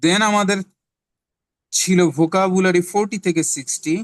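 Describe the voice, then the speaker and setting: A male English teacher from Bangladesh, a native Bengali speaker, leads a classroom lesson. He talks very slowly and repeats each word several times for drilling. His voice sits a little high, and the sound is dry and close. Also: fairly even intonation, no echo. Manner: switches between English and his own language mid-sentence.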